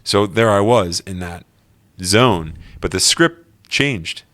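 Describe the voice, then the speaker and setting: A man telling his own personal story in an earnest, animated way during an interview. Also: fairly low pitch, slow. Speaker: guest.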